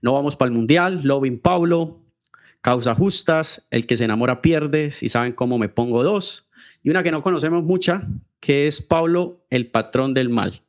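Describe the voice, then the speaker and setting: A Colombian man hosts a podcast in a friendly, welcoming tone. His voice sits at an ordinary middle pitch, and he moves steadily through a list of his guest's work. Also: moderate pace. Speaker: podcast host. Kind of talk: interview hosting.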